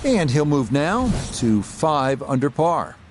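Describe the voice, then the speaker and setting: A man giving measured, descriptive play-by-play as a golf commentator on a tournament broadcast. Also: a little high, very animated, noisy background. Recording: loud crowd and outdoor ambience behind.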